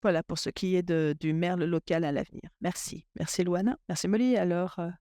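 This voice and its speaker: A man interpreting a webinar panel discussion into French in real time, halting and often restarting his sentences. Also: high-pitched, mellow, clear, resonant tone, no echo, clean studio sound. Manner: halting, with frequent restarts and fillers. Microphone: remote webinar audio.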